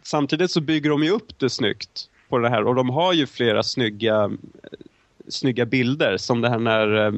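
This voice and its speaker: A man's voice: medium pitch, dry recording, highs cut off. A young man co-hosting a casual film review chat, talking in long, winding, hesitant turns. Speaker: film podcast co-host.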